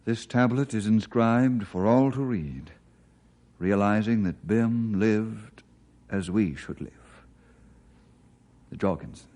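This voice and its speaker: Forest ranger, radio drama, slow, mellow, solemn. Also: male voice, on the low side, animated. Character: male forest ranger, steady and kind. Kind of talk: 1950s radio drama acting.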